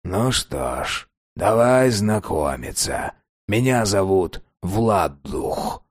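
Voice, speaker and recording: A man reading an audiobook voices a gruff, grumbling old vampire who talks slowly and curtly. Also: big pitch swings, no echo, studio quality, full character voice. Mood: weary. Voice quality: low, growling. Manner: slow, weary, curt. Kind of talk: audiobook character voice.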